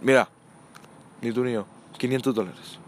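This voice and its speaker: A man's voice: mid-range voice, fairly even intonation, normal speed, a little hiss or hum. A young man with a Mexican accent telling crude, slangy stories in casual chat, acting out the voices of people in them. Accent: Mexican Spanish.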